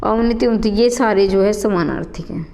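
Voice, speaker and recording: A woman's voice: medium pitch, normal speed, a little mellow, in a large hall. A woman coaching teacher going through exam questions, calling her students children and repeating each question and answer aloud. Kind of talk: exam answer walkthrough lesson.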